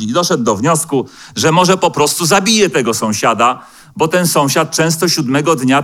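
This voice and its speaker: A pastor with a fairly high man's voice delivers a sermon in a church. He speaks at a measured pace, slows down for scripture quotes, and pauses now and then on a filler sound. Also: a bit bright. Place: church hall.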